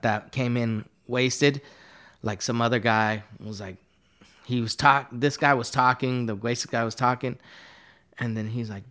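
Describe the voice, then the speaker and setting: A man's voice: mid-range voice, bright, forceful tone, smooth. A man, a guest artist, telling a long story in a casual, rambling and profane way, with many fillers. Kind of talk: casual storytelling in a podcast interview.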